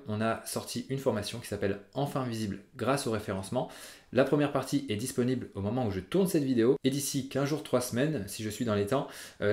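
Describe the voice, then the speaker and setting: A man explains software in a relaxed, chatty tutorial voice, pitched right in the middle of the male range and dotted with hesitant filler sounds. His voice rings in a roomy, echoey space around his desk. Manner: chatty, upbeat, many "euh" fillers. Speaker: WordPress tutorial host. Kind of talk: casual screen-recorded tutorial.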